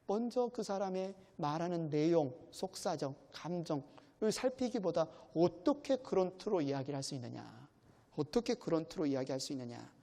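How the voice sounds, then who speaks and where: Male pastor preaching, high voice, earnest, questions to the congregation, long echo of a church hall. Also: warm tone. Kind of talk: sermon. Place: church sanctuary.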